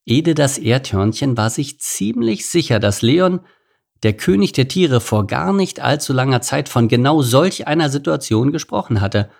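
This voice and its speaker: A man narrating a children's animal story in a calm, measured storytelling manner. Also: medium pitch, vocal fry. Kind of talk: scripted audiobook narration.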